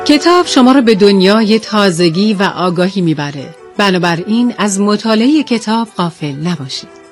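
Female announcer, middle pitch, formal scripted read, music bed underneath. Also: animated. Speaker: program announcer.

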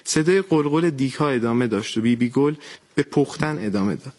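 A man reading his own short story aloud as a contest entry, steady, with a few small slips. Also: mid-range voice.

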